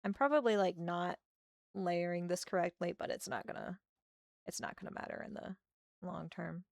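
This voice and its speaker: Drawing on stream, a woman talks casually with viewers at a moderate pace, her lowish voice gravelly and a bit hoarse from a sore throat. She is chatty and thinks aloud, frequently drifting into quiet muttering to herself as she works. The recording is close and dry.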